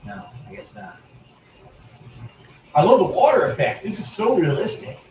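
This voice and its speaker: A man's voice: high voice, huge pitch swings, normal speed, background noise. A man giving casual, wry gameplay commentary and musing aloud as a game streamer. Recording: distant roomy lo-fi stream recording.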